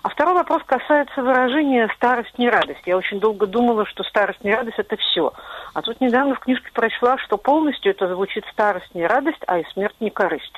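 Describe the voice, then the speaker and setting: A woman's voice: fairly high pitch, lively intonation, fast, no echo, highs cut off. Woman caller asking questions by phone. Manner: polite, puzzled questioning. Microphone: telephone line.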